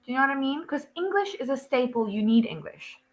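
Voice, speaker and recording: Speaking fast and animatedly in a high voice, this young woman with a South African accent tutors English online, chatting informally over video in a one-on-one lesson. She laughs a lot and peppers her talk with ums and likes.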